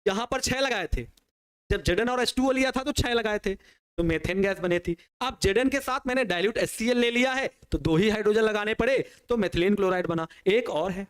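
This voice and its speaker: A man's voice: high voice, brisk, clear, resonant tone. A man teaching a chemistry class online, working through reactions step by step and answering his own questions for the students. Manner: explains step by step at a working pace. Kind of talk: online exam-prep lecture.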